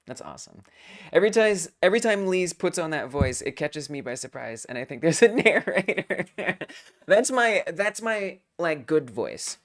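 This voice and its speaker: A young woman hosts a game-making stream in a low-set voice that swings widely as she reacts. She chats casually, teasing herself and getting worked up over small things. Her delivery is loose and expressive. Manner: excitable, self-mocking, quick to laugh. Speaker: host of a game jam stream. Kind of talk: casual live-stream chat.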